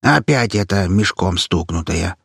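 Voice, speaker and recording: A man's voice: sits low, animated, measured pace, creaky, a bit bright, breathy edge, no room sound, clean studio sound, heavily acted. A man voicing a feisty, blunt old grandmother who scolds in folksy words. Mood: gruff scolding.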